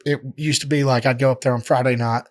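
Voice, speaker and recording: A professional fighter, guesting on a casual podcast in a studio, rambles through stories while swearing freely and using a constant stream of filler words. His pitch is ordinary for a man and his pace quick, and the sound is close and dry with no room in it.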